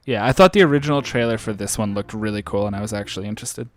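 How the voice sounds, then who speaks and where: A man's voice: on the low side, very fast, dry recording. A man co-hosting a podcast, chatting casually and often restarting his phrases. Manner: relaxed, self-correcting, restarts phrases. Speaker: podcast co-host. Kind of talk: casual reaction chat.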